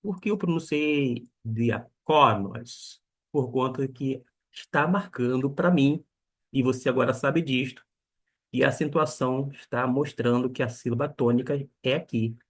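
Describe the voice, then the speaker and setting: Slow, husky Greek teacher. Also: male voice, medium pitch. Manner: slow and deliberate, spelling out pronunciations. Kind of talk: beginner language lesson.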